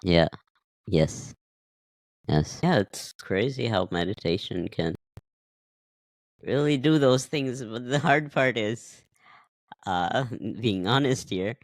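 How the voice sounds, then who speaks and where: A man's voice: fairly low pitch, animated, slow pace, pauses often, no echo. A man from Nepal hosting a casual interview, friendly, laughing often and hesitating as he speaks. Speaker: podcast host.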